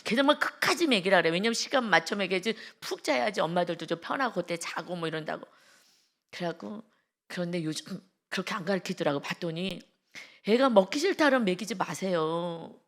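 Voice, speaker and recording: A woman preaching a dawn devotional sermon in an animated storytelling manner. She acts out small scenes as she goes. She drops to a soft, tender voice for gentle moments and rises loud and fervent when she exhorts. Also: mid-range voice.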